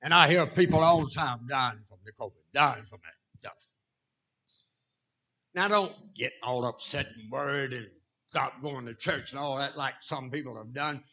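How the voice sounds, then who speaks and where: A man with a Southern US accent and a raspy voice preaching an informal sermon in a folksy drawl, talking directly to his congregation. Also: mid-range voice, moderate pace, pushed and bright. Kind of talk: informal sermon with jokes and shouts of praise.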